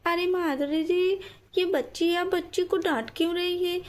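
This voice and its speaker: A woman's voice: very high voice, fairly even intonation, moderate pace. A woman voicing a kind young village housewife in a doll story, polite and reassuring. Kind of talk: doll story role-play.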